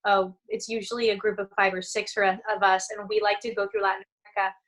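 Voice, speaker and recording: A woman being interviewed as a guest, telling lively stories and laughing often over a video call. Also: medium pitch, quick pace, low-quality recording. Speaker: guest, singer and actress. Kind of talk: casual conversational interview.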